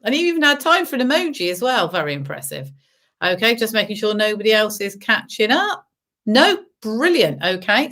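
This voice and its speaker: A woman's voice: mid-range voice, fairly bright tone. Woman bingo caller with sing-song delivery. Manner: sing-song number calls, drawn out then repeated; chatty, teasing asides to remote players. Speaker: bingo caller and host of an online game. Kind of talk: bingo calling with traditional rhyming number calls and chat to players.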